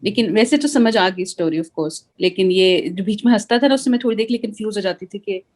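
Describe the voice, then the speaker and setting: A woman's voice: medium pitch, fairly quick, darkish tone. A woman taking part in a study circle discussion, frank and casual, mixing in English phrases. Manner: frank, mixes in English words.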